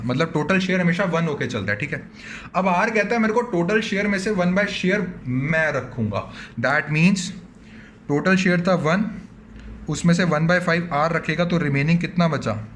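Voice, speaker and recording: A man's voice: fairly high pitch, a bit bright, a little hiss or hum. A man teaching an online accountancy lesson with an Indian accent, talking to his students as "बच्चों" and voicing their questions back to them. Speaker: commerce teacher.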